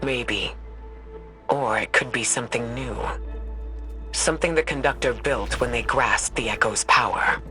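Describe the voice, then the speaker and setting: An actor playing a grave male mentor figure who speaks in a measured, solemn way. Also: mid-range voice, pushed and bright, faint music behind.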